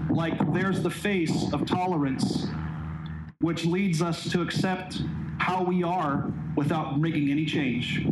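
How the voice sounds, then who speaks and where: A man's voice: on the high side, roomy sound, heavy background noise. A man preaching a sermon outdoors, telling stories and acting out the voices of the people he quotes. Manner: storytelling, acts out quoted voices, emphatic. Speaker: pastor.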